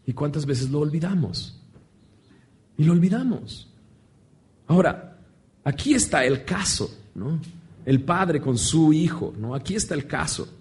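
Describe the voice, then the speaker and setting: Passionate male preacher, higher voice. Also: a little mellow. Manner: passionate, rhetorical questions, acts out quotes. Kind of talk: sermon.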